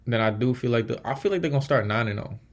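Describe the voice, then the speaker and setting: A man talks through his own podcast alone in a loose, casual way. He thinks out loud, counts off tallies and drops blunt trash talk. His voice sits at an ordinary middle pitch. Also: lively intonation, quick pace. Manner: blunt, trash-talking, thinks aloud while tallying records. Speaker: podcast host. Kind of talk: casual solo sports podcast.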